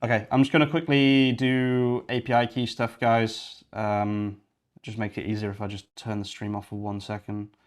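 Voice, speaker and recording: Thinking aloud and clicking around, a young Yorkshire man rambles casually while hosting a coding livestream. His fairly low voice comes out flat, at a moderate pace.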